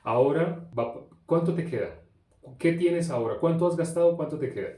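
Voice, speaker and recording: A stern, angry father, voiced by a male preacher, questions his son in a firm, slow, insistent way. His voice is dark and mellow. The sound rings out in an echoey room. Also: on the high side, lively intonation, pitched above the performer's own voice, close to an everyday voice. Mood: scolding.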